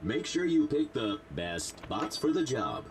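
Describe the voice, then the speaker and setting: Chirpy game robot guide. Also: male voice, mid-range voice, sing-song, unhurried, noisy background. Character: cheerful male robot job-guide bot. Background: game music.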